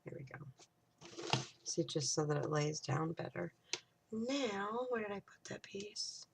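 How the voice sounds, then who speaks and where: A woman's voice: fairly low pitch, animated, unhurried, gravelly, slight background noise. A woman hosting a casual crafting tutorial, chatting and thinking aloud as she works, sometimes dropping to a whisper.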